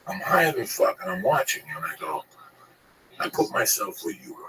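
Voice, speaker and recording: A middle-aged Cuban man with a lowish voice speaks at normal speed. A comedian and radio host, he tells stories in casual, profane, animated chat, recorded on a distant mic with faint background noise.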